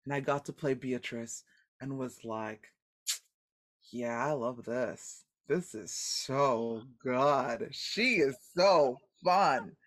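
Speaking slowly, a deep-voiced woman who acts shares stories as a guest in a relaxed podcast interview, expressive and animated, and she laughs a lot.

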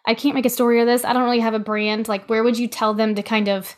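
A woman's voice: fairly high pitch, little pitch movement, quick pace. A woman hosting a casual interview, chatty and loose, with many "like"s and "you know"s. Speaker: host.

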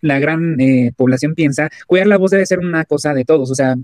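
Rapid, eager podcast host. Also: male voice, a little high, darkish tone, no room sound. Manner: eager, with many fillers and restarts. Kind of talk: casual interview hosting.

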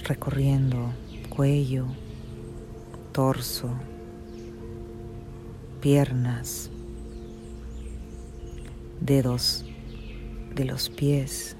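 In a hushed, medium-pitched voice and a level tone, a soothing narrator guides a meditation very slowly, like a sleep story. Short phrases are separated by long pauses, with music clearly audible behind the words.

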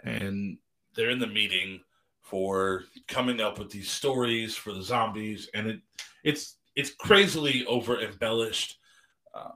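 A man's voice: fairly low pitch, a little slow, sharp tone. A man co-hosting a podcast, chatting casually with a rambling, self-deprecating manner and lots of restarts. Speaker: podcast co-host.

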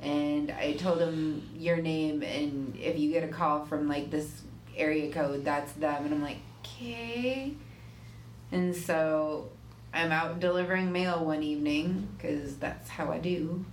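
A woman's voice: deep voice, level tone, a little slow. A woman chatting casually on a podcast, telling a story in a blunt, wry way and swearing casually. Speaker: podcast co-host. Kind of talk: casual chat. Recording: roomy room, faint hiss.

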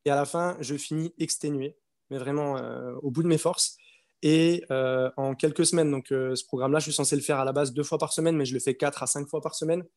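A man's voice: a little high, fairly even intonation, brisk, darkish tone. A man in his twenties, an interview guest, telling his story in a casual, hesitant way with many fillers and restarts. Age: 20s.

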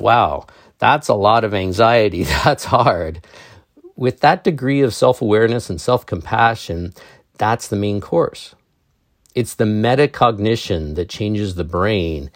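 A man hosting a meditation talk show, reading an article aloud in a calm, measured way, then adding his own gently wry remarks. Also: lowish voice, no echo, studio quality. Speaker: meditation podcast host.

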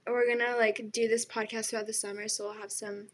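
A young woman co-hosting a podcast, telling animated, profane stories in casual chat with her friend. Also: on the high side, fairly quick. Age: young adult. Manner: animated storytelling, swearing, laughing often. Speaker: podcast co-host.

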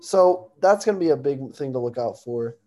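A man's voice: mid-range voice, lively intonation, normal speed, dark tone. A young American man co-hosting a sports talk, casually giving predictions on games.

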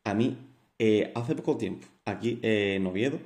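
A young Andalusian man from Cádiz talks in casual banter, cursing and laughing as he tells stories. His voice is dark and mellow. It sits in a roomy, echoing space. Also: on the low side, normal speed, a little hiss or hum. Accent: Andalusian Spanish (Cádiz). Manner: laughs often, swears freely, restarts and stutters. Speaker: podcast co-host. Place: remote from home. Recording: roomy echo.

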